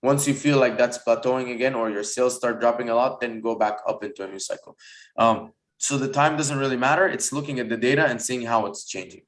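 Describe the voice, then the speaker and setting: A man answering as an expert guest in an online Q&A, giving casual advice in a halting way, as if thinking aloud. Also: mid-range voice.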